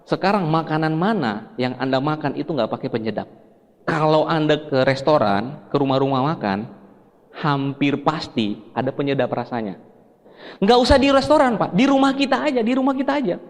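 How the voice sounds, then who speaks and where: Speaking to a seminar audience on health, this Sulawesi man keeps things explanatory and conversational, asking his listeners questions. His pitch runs on the high side with lively intonation at a normal speed, and the hall gives a long, echoing reverb.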